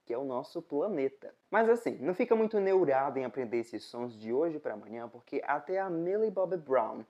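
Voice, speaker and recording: A woman from Brazil with a Brazilian Portuguese accent, teaching in a casual video lesson, explaining step by step and slowly repeating example words. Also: sits low, animated, warm tone, lo-fi sound. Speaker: English teacher.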